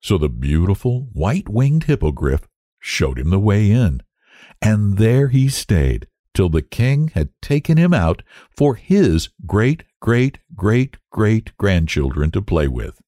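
Male kids' story narrator, low voice, very lively, dry close sound. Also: takes it slowly, no room sound. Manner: expressive, lilting storytelling. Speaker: children's story podcast narrator. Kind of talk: storybook reading for children.

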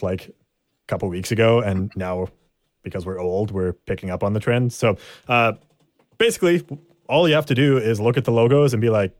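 A man's voice: lowish voice, a little mellow, no room sound, clean studio sound. A man co-hosting a sports podcast, explaining things in casual, informal chat.

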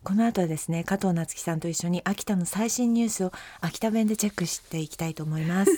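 A woman's voice: on the low side, fast, warm tone, dry recording, faint music behind. A woman from Akita hosting a podcast, chatting casually with many laughs and dialect phrases, then reading news items. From Akita, Japan. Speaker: podcast host.

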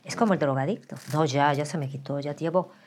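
A woman's voice: low-pitched, fairly quick. An older woman with a Mexican accent, telling candid, joking stories as an interview guest and acting out the voices. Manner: animated and joking, acts out voices. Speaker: interview guest, pastor's wife.

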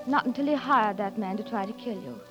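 An actress in a 1940s radio drama playing a torn but resolute young woman whose father was a spy, speaking in an earnest, hushed way. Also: mid-range voice, brisk, lightly acted. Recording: dull old radio broadcast with music behind.

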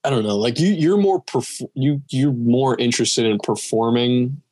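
A man's voice: mid-range voice, moderate pace, a little mellow, dry recording, clean studio sound. A man in his twenties co-hosting a casual podcast chat, rambling with many restarts and fillers. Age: 20s. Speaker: podcast co-host.

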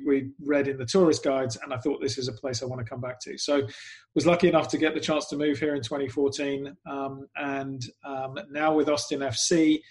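An English man from the UK, a club PR executive, chats casually as an interview guest, self-deprecating and full of "um"s. He has a mid-range voice, and the audio is poor.

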